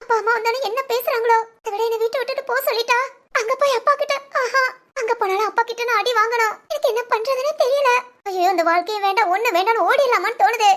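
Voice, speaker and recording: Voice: very high-pitched, fast, a bit bright. A performer voicing a frightened young married woman in a cartoon family drama, pleading and anxious. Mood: fearful. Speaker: daughter-in-law.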